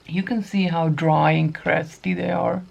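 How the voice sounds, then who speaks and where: Woman, 50s, low and gravelly, chatty makeup tutorial host, dull lo-fi recording. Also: fairly even intonation, a little slow. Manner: chatty, talks to viewers while applying makeup, self-correcting. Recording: dull lo-fi sound.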